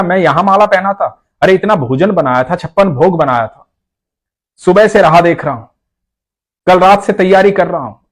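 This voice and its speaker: A man voicing a hurt, angry old ascetic who complains loudly and bitterly. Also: mid-range voice, close to an everyday voice. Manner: agitated, complaining.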